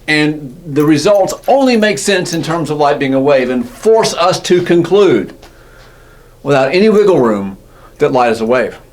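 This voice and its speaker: A man teaching physics in a casual, self-correcting lecture style, often checking in with "right?". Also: medium pitch. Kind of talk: classroom lecture.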